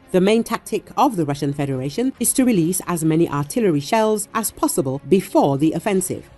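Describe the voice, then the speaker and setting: A woman with a somewhat low voice reads a scripted news report in a steady, formal way. Faint music runs under her voice-over. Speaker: news narrator.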